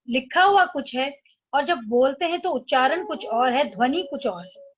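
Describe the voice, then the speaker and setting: A woman teacher with a high voice speaks at a slow, careful pace as she explains a textbook lesson. She reads the English lines out deliberately and then explains them in Hindi. The recording is dull and lo-fi.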